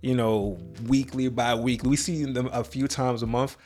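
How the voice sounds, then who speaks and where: A young adult man co-hosting a podcast, talking in a relaxed, conversational way. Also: mid-range voice, moderate pace. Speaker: podcast co-host. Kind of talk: casual chat.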